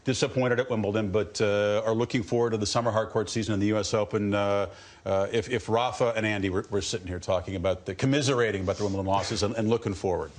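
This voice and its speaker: Casting: a male interview host, easygoing and prompting, with a lowish voice. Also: fairly even intonation, fast talker. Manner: friendly, prompting, laughs readily. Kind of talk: casual interview chat.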